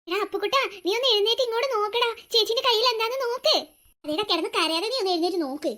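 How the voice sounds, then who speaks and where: A woman's voice: very high-pitched, racing, bright, forceful tone. A woman voicing a caring teenage elder sister who explains things patiently, in a cartoon story. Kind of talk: cartoon voice acting.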